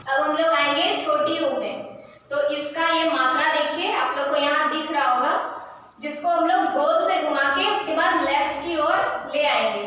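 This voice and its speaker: A woman teaching a lesson to young children, explaining slowly and patiently and drawing out each sound. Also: sits high, a bit bright, a little hiss or hum. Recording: echoey room recorded from a distance.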